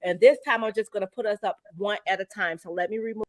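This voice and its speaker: An upbeat woman hosts a live-streamed talk show over a video call, chatting warmly to the viewers at an average pitch. She sounds folksy and talks to them like family. The sound is close and dry. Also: fairly even intonation, quick pace, no room sound. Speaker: host.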